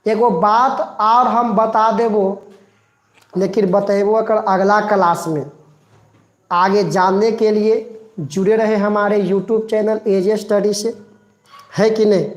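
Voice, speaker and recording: Slow, repetitive male teacher. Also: high voice, steady tone. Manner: slow, repeats phrases, coaxes students to recite along. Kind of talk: live online class lecture. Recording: roomy echo.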